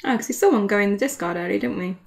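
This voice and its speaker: A woman's voice: medium pitch, racing, creaky. A woman, giving casual, chatty commentary on a card game match and laughing often. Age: 20s.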